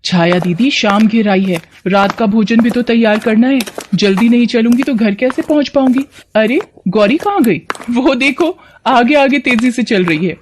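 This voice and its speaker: A woman voicing a brisk, busy village woman in a cartoon. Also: fairly high pitch, a little hiss or hum, voice pushed up, natural voice. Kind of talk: cartoon voice acting.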